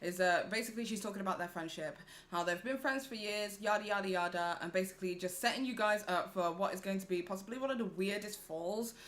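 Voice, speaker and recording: A woman hosts a live-stream reaction and talks loosely and casually. Her voice has a middle pitch. She addresses her viewers directly in an easy, chatty way. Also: fast talker, few pauses, fairly bright tone.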